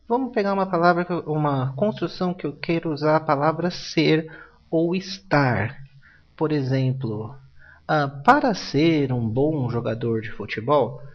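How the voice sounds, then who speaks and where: A man from Brazil teaching an English grammar lesson, explaining patiently and modeling English phrases aloud. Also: a little high. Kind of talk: recorded classroom lesson. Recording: dull lo-fi recording.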